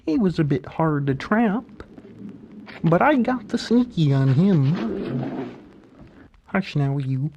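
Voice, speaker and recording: A man voicing an earnest, eccentric frog puppet in soft-spoken ASMR storytelling, with theatrical, halting pauses. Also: a little high, lively intonation, vocal fry, lo-fi sound, background noise, full character voice. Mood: solemn, scheming. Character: Kermit-like male frog puppet, eccentric, earnest Bigfoot believer. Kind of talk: whispery ASMR storytelling and roleplay.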